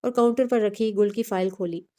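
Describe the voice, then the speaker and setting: A woman narrating a novel with steady, expressive storytelling. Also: mid-range voice, brisk. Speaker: audiobook narrator. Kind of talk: novel reading.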